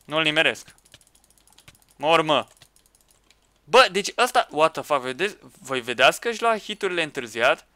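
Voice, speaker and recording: A man commenting on a Minecraft match with friends, excitable, shouting at teammates and laughing. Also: a little high, long pauses, smooth, no room sound. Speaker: gaming YouTuber.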